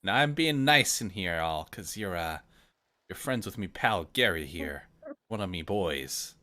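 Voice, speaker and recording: Man putting on a gruff, deep old pirate seafarer. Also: animated, unhurried, bright, forceful tone, heavily acted. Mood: menacing. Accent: stage pirate. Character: gruff old pirate sailor, menacing yet chummy.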